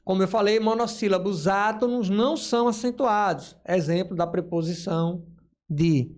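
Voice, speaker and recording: A man's voice: high-pitched, normal speed, darkish tone. A male teacher giving a grammar lesson, explaining step by step and voicing imagined student questions.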